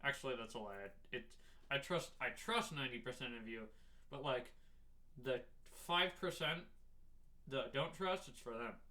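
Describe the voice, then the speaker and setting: A young man chats alone as a podcast host, with a bright, forward voice at an average male pitch. His mouth is sore and numb from having teeth pulled, and he talks through it in a casual, rambling way, often halting and starting over. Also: expressive. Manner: talking with a sore, numb mouth after wisdom tooth surgery. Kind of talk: casual solo podcast chat.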